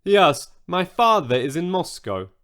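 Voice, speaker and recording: A man's voice: high voice, big pitch swings, measured pace, fairly bright tone, heavily acted. A man voicing a young girl who puts on a phony Russian accent to pose as a rich heiress in a storybook. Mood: playacting. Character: schoolgirl faking a Russian heiress.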